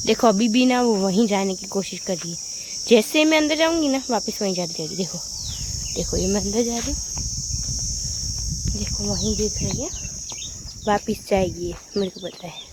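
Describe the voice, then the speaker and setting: A woman's voice: normal speed, long pauses. A woman vlogging about her dog, chatting to viewers and repeatedly calling out to scold the dog. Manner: repeats "look, look", scolds her dog in sharp high calls. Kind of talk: casual vlog chat. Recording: outdoor noise with crickets.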